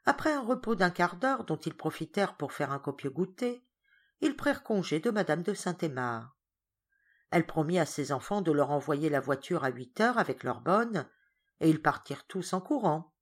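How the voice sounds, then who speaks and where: A woman reading a classic children's novel aloud as expressive audiobook narration. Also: deep voice, moderate pace. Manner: expressive storytelling. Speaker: audiobook reader. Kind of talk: scripted narration.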